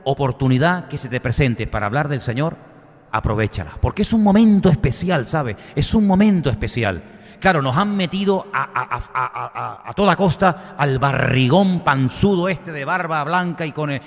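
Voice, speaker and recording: Pastor preaching casual style, tons of questions, echoey church hall. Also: male voice, on the high side. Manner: conversational, animated preaching with rhetorical questions. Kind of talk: sermon.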